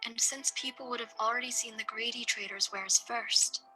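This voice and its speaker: A woman reading a folk tale aloud at a steady, measured pace. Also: on the high side, faint music behind, rough recording. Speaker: storyteller.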